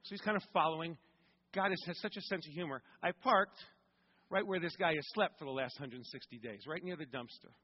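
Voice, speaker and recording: High-voiced male pastor preaching. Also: brisk, husky. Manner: builds to emphatic, rising questions. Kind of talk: sermon storytelling. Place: church sanctuary. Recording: dull recording with long hall reverb.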